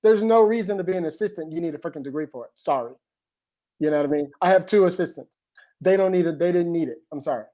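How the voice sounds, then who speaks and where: A screenwriter appears as a guest in a casual conversation, speaking fast and animatedly in a warm, fairly high-pitched voice. He often checks in with "you know what I mean."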